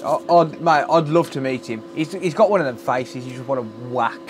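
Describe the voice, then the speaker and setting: A man's voice: mid-range voice, normal speed. A British man chatting casually as he works, with blunt, sweary, joking banter. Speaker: repairer hosting a live stream. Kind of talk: casual chat while working. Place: indoor electronics repair workbench. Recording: clearly noisy workbench live-stream recording.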